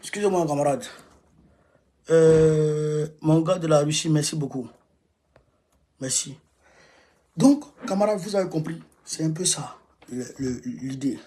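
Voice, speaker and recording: A man from Côte d'Ivoire hosts a casual livestream from home, rallying supporters. He is emphatic and exhorting, repeating phrases, with long pauses and a measured pace. His dark voice sits a little high.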